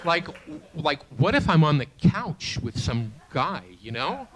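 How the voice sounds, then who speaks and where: A man in his late sixties performing a stand-up comedy set in a small theater, with a halting, self-deprecating delivery full of restarts, and audience laughter behind him. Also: fairly high pitch, very animated, a bit bright, slight background noise. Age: 60s. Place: small theater stage before a live audience.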